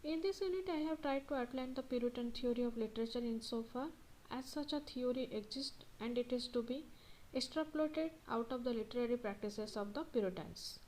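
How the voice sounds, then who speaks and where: A woman's voice: fairly high pitch, brisk, a little mellow, a little hiss or hum, poor audio. A woman tutor reading study notes aloud and going back over the key points. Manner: reads text aloud, then repeats key points.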